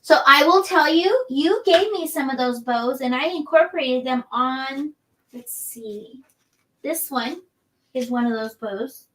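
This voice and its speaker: A woman's voice: high-pitched, unhurried, recorded from a distance, rough recording. A woman guest on a craft livestream, chatting in a friendly way and laughing easily. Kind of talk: casual chat on a live stream.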